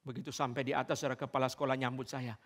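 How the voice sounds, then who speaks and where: A man's voice: medium pitch, little pitch movement, racing. Man preaching in a reverberant church. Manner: storytelling, keeps addressing the congregation as "saudara". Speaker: pastor. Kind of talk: sermon. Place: church service.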